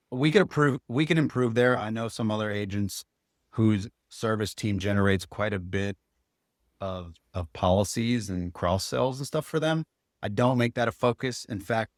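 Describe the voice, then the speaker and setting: A man with a fairly low voice talks through a podcast interview as a guest. He is candid and relaxed, often restarting his sentences. The sound is dry and close. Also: no echo. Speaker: guest insurance agent.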